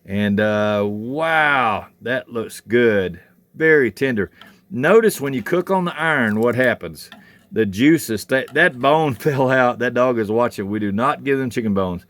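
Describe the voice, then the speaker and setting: A man's voice: medium pitch, expressive, unhurried, fairly bright tone. A man hosting a casual cooking vlog at an outdoor cook shack, talking in a folksy, chatty way and thinking aloud as he works while holding the camera himself. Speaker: home cook and channel host. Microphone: handheld camera.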